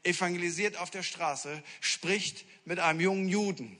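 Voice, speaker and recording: A man preaching a sermon as a pastor, telling stories in a lively, humorous way with acted-out quotes. He moves between hushed asides and sudden loud exclamations. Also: sits high, normal speed. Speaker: senior pastor. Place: church hall. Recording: long reverb of a large hall.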